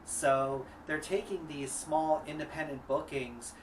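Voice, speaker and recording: A man's voice: a little high, fairly even intonation, measured pace, recorded from a distance, noisy background. A man co-hosting a casual review chat about wrestling films, enthusiastic and conversational.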